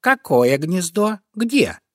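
A man voicing a gullible mother crow in a storybook reading, with shrill, alarmed cries. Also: sing-song, slow pace, no room sound, studio quality, exaggerated voice.

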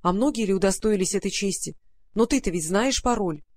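Woman reading earnest male storybook friend, calm, explaining, medium pitch. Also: fairly quick, a little hiss or hum, natural voice. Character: worried, earnest male fairy-tale friend. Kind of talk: audiobook character reading.

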